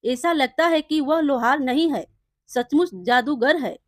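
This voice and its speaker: Brief: gossipy male village customer, read by a woman narrator, high voice. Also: measured pace, dry recording, studio quality. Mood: admiring.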